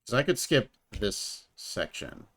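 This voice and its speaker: A man's voice: lowish voice, very animated, a bit bright, slightly rough. A man streamer thinking aloud at home as he edits his video, talking half to himself. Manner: muttering, half to himself, unhurried. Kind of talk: thinking aloud while editing.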